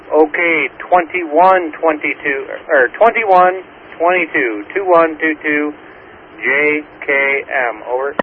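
Man over walkie talkie, rail dispatcher, fairly high voice, tinny radio with faint static. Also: slow. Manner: clipped, spells out words letter by letter. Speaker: railroad dispatcher. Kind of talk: radio procedure, reads back numbers.

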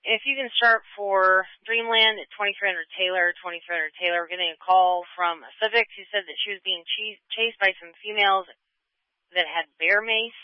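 A man's voice: sits high, fairly even intonation, brisk, clean tone, dry recording. A male emergency dispatcher heard over a two-way radio, giving clipped calls full of radio codes. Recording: dull, dry radio transmission.

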